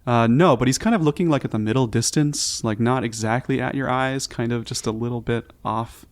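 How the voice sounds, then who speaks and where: A man's voice: medium pitch, a little fast, dry recording. A man narrating a tabletop fantasy game casually as game master.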